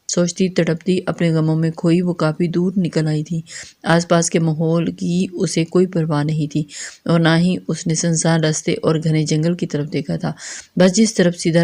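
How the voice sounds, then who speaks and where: A woman narrating a romance novel audiobook in a steady, even reading. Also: low voice.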